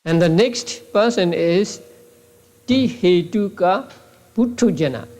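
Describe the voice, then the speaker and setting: Older male monk, Burmese accent, somewhat high voice, patient halting lecturer who repeats words. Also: a little mellow. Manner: halting, repeats words, many restarts and uh's. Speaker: Buddhist monk teaching a class. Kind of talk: classroom lecture. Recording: old tape recording of a class.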